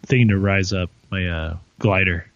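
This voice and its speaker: A man with a lowish voice chats bluntly about a video game and swears freely. His audio is muffled and lo-fi, with a dry, close sound. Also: steady tone, a little slow, dry recording. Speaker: gamer chatting. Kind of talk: casual chat. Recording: dull lo-fi sound.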